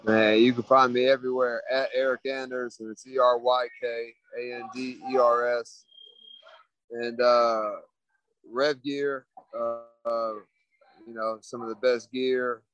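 A man, a fighter, answering interview questions in a mellow, laid-back way with many fillers. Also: medium pitch, little pitch movement, unhurried, smooth, no room sound, lo-fi sound. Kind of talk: casual interview.

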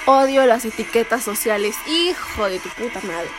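A woman's voice: on the high side, lively intonation, normal speed. Profane ranting young Mexican woman. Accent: Mexican Spanish. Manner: profane, heated, sarcastic ranting. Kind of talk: ranting vlog monologue. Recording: music playing behind the voice.

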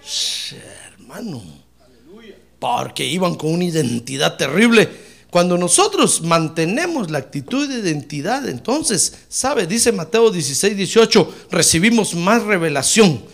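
A man pastor preaching a sermon, emphatic and addressing listeners as brother, swinging from hushed asides to shouted praise. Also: high voice, very animated, normal speed, gravelly.

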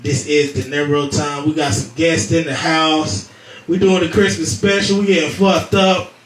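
A man's voice: fairly high pitch, level tone, moderate pace, roomy sound, distant mic. A man hosting a casual chat show with guests, talking in loose, slangy banter and swearing freely. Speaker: podcast host.

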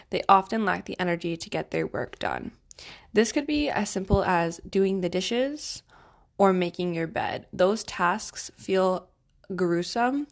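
A woman's voice: on the low side, vocal fry. A young adult woman hosting a solo self-help podcast, giving advice in a tidy, organised way. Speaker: podcast host.

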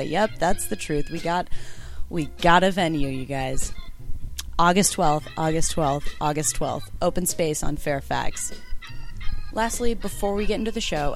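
A woman's voice: fairly low pitch, gravelly. An American woman introducing a podcast in an informal, conversational way, talking intimately and directly to her listeners. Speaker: podcast host.

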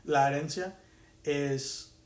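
A man's voice: on the high side, fairly even intonation, drawn-out words, darkish tone, roomy sound. A man co-hosting a podcast in casual chat, telling stories animatedly and switching between Spanish and English. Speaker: podcast co-host.

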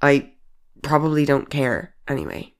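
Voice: mid-range voice, sing-song, a little slow. A storyteller voicing C J, an eighteen-year-old who jokes wryly to cover hurt. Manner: wry jokes over hidden hurt. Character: self-deprecating young person named C J, age eighteen. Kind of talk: audiobook character voice.

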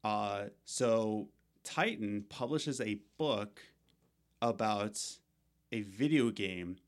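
A young man co-hosts a casual gaming podcast in a lowish voice, speaking extremely slowly. He rambles, with plenty of fillers and restarts.

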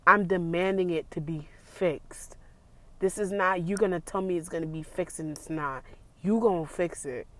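Animated young woman venting casually. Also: fairly low pitch, normal speed. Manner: animated, emphatic, repeats herself when venting. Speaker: vlogger. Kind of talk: casual storytime vent. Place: parked car.

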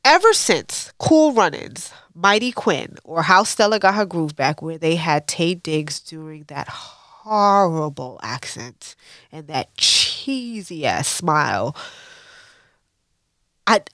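A woman's voice: deep voice, sing-song, slow, fairly bright tone, dry recording, clean studio sound. A woman hosting a podcast, recapping a TV episode in a candid, opinionated way and breaking off into rants with laughs. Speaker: podcast host.

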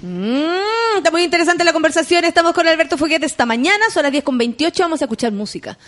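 A woman hosting a morning radio show in a relaxed, chatty way. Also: extremely high pitch, fast. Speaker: radio host. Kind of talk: casual radio chat.

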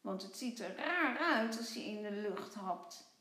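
A shy, anxious little storybook boy who sounds earnest and a bit worried, voiced by a woman reading aloud. His lines come slowly and rise and fall a lot, in an echoey room. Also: medium pitch, expressive, pushed and bright.

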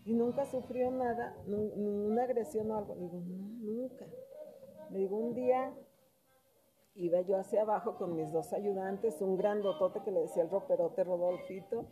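A woman's voice: mid-range voice, moderate pace, low-quality recording. A middle-aged woman, a former miner telling a story in casual talk and acting out the voices of the people in it. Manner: animated, acts out quoted voices. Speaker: podcast guest, former miner.

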